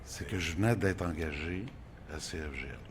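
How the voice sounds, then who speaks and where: An older man with a Quebec French accent, a radio guest telling stories of his career in a casual, animated way. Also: sits low, moderate pace, a little hiss or hum. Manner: animated storytelling, exclamatory.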